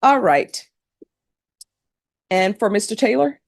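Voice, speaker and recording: A woman's voice: medium pitch, expressive, slow, vocal fry, no room sound. Stern woman judge in a courtroom, close sound. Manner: stern, plain-spoken, admonishing. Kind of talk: courtroom questioning and lecturing in a courtroom.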